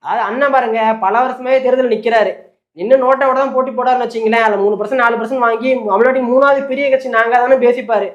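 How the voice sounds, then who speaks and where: A host rattles off satirical commentary at a quick clip, mocking the story as it goes. The voice sits at a middling pitch. It sounds roomy and a little dull, like a modest home setup. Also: steady tone. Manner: fast, mocking storytelling with acted quotes. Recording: roomy, slightly dull recording.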